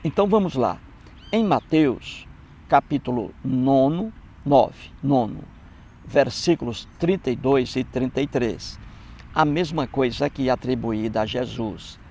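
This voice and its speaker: A man's voice: mid-range voice, measured pace, a little mellow, a little hiss or hum. A Brazilian man giving scornful, mocking commentary on Bible passages, repeating phrases for emphasis. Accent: Brazilian Portuguese. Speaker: atheist commentator.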